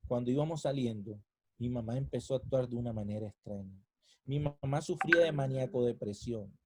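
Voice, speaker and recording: A man, preaching a sermon and telling his own story, swinging from soft, hushed lines to loud, impassioned peaks. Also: medium pitch, husky, no echo, poor audio. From Colombia. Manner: emotional, rising to near-shouting at climaxes then dropping soft. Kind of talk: sermon with personal testimony.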